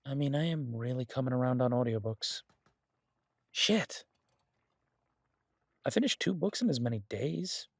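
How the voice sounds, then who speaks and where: A man acts a restless, doting mafia boss stuck baking in a safe house, giving one side of an intimate phone conversation in an audio roleplay. He sounds casual and sheepish, conversational yet exasperated, swearing and playfully dramatic. His medium-pitched voice is creaky, lively and a little slow with long pauses, recorded dry and close with no room sound.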